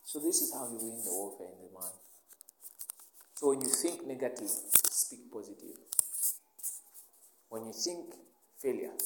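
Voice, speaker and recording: A man's voice: lowish voice, warm tone, a little hiss or hum. A man preaching a sermon, asking the listeners questions and answering them himself. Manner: emphatic call-and-response questioning. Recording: echoey room.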